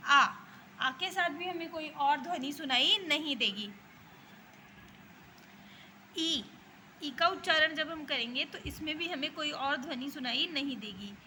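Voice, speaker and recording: A woman's voice: sits high, measured pace, pauses often, pushed and bright, slight background noise. A woman with an Indian accent, a school teacher, giving a grammar lesson to young children and explaining each point patiently, over and over. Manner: patient, repetitive explaining with frequent checks.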